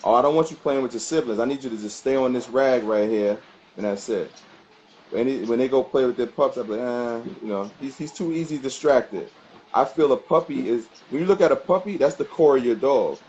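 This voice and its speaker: A man's voice: mid-range voice, a little mellow. A man answering interview questions casually as a dog trainer, speaking colloquially and emphatically and repeating phrases to make his point. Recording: muffled sound with background noise.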